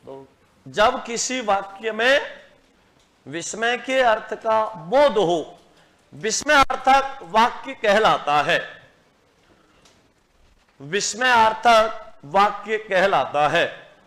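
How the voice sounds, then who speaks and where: A man teaching a grammar class, dictating slowly, repeating phrases and quizzing his students. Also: sits high, animated, sharp tone.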